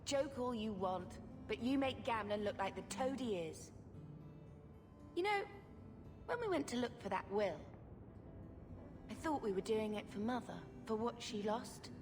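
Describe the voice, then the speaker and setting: Earnest young mage sister, music behind. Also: female voice, on the high side, lively intonation, measured pace, long pauses. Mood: exasperated, then wistful, hopeful. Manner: earnest, wistful. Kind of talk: video game voice acting. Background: game music.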